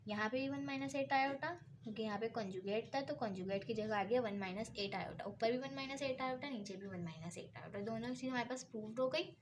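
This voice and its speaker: A woman math teacher giving a blackboard lecture, working each step aloud and asking herself questions as she goes. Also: fairly high pitch. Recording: faint background noise.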